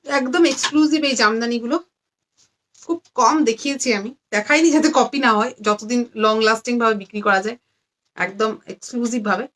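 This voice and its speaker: A tired, low-energy woman selling saris on a live stream, repeating every price again and again. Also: a bit bright, slight background noise. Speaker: online saree seller. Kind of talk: live-stream sales pitch. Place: indoors among stacks of saris.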